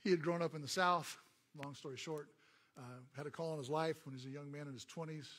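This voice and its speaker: A middle-aged male pastor preaches a sermon as an animated story, calling out to the congregation. His voice is on the high side and his pace is fast.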